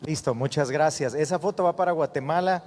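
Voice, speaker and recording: A man's voice: a little high, fairly quick, darkish tone. A man closing a church gathering, directing people briefly. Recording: distant voice in a reverberant church hall, faint background noise.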